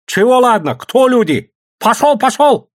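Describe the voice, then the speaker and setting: A man voicing a rough man who shouts curt orders in an audiobook. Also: very high-pitched, sing-song, unhurried, voice pushed up, heavily acted. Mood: yelling. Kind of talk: audiobook character voice.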